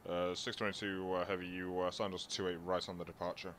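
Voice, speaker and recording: A man's voice: sits low, level tone, quick pace, fairly bright tone. A man talking as a pilot to air traffic control, giving procedural radio calls and readbacks. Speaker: flight simulation pilot, livestreaming.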